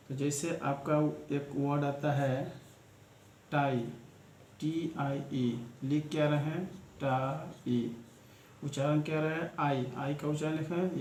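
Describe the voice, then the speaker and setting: A man teaches shorthand in a slow, patient way, going over each step again and again. His voice is mellow and stays flat, a little higher than most men. The recording has a roomy echo and a faint hum of noise behind it. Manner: slow, repetitive, talks through each step. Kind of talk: classroom-style lesson explanation. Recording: echoey room with faint ambient noise.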